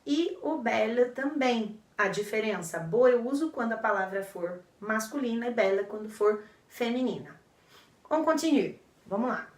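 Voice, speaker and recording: Lady teacher going over words patiently, highish voice, echoey room. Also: expressive, moderate pace. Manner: patient, repeats terms with frequent checks. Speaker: French teacher. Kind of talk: explaining vocabulary to viewers. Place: indoor room in front of a board. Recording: roomy echo, a bit far from the mic.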